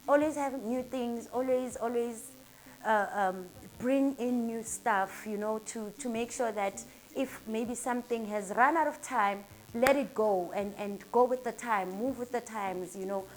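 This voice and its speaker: A woman's voice: fairly high pitch, measured pace. A woman in her thirties from Durban with a South African accent, a salon owner answering interview questions in an earnest, upbeat and motivational way.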